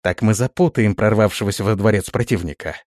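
A man's voice: on the low side, a little fast, darkish tone, no echo, clean studio sound, natural voice. A man voicing a formal, rule-bound palace guard officer who speaks steadily. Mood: dutiful, formal. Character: dutiful, stiff male palace guard officer.

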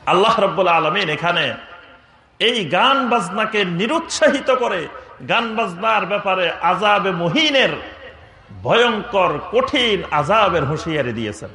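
A man's voice: high-pitched, bright, forceful tone, roomy sound, a little hiss or hum. A man preaching a sermon with fiery emphasis, chanting Arabic quotations in a sung tone. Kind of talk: Bengali waz sermon.

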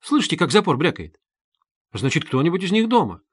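A man voicing an eager, quick-witted young man who talks in a ringing, lively, urgent way, in a storybook reading. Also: a little high, slightly rough, no echo, studio quality, voice pushed up.

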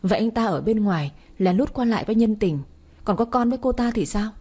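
A woman's voice: medium pitch, animated, quick pace, dark tone, breathy edge. Woman reading a bitter, defiant young wife.

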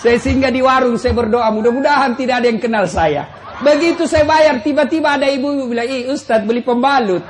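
Animated high-voiced male preacher. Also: brisk, slight background noise. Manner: animated, acts out quotes with big pitch jumps; jokes, addresses listeners directly. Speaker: Islamic preacher. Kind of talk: humorous sermon to a live audience.

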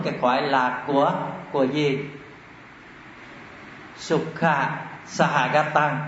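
Slow, questioning male dharma teacher. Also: mid-range voice. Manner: asks the class questions, chants Pali terms slowly. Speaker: Buddhist Abhidhamma teacher. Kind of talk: classroom dharma lesson. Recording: echoey room, dull lo-fi sound, faint hiss.

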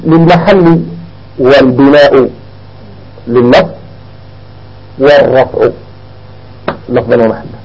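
A man's voice: on the high side, a little mellow, husky, rough recording. A man with a Moroccan accent teaching a grammar lesson, explaining step by step and asking the class questions that he answers himself.

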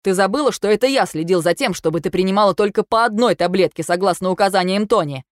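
A woman's voice: mid-range voice, quick pace, no echo, clean studio sound, natural voice. A woman reading an audiobook, voicing a hurt and angry young husband who speaks coldly and reproachfully on the phone. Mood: accusing. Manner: cold, reproachful, accusing.

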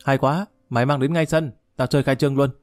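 A blunt, commanding older official, read by a man. The voice is dark and mellow and recorded dry, with faint music behind. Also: medium pitch, steady tone, fast, dry recording, close to an everyday voice. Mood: gruff. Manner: blunt, commanding, uses familiar address. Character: stern older official, gruff and worldly.

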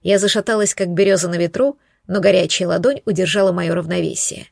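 Gravelly woman narrating a romance novel. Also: lowish voice, fairly even intonation, a little fast, no room sound, clean studio sound. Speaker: audiobook narrator.

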